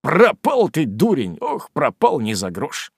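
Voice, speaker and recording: A man voicing old Mr Weller, an elderly father who scolds and laments over his son in a loud, slow, emphatic way. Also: a little high, wildly swooping pitch, husky, dry recording, clean studio sound, exaggerated voice. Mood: lamenting.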